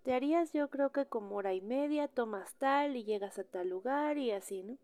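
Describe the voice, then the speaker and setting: A woman's voice: fairly high pitch, moderate pace, darkish tone, no room sound, voice pushed up, natural voice. A woman quoting her blunt trucker husband. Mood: casual. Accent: Mexican. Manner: blunt, exasperated. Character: her annoyed husband, a middle-aged trucker.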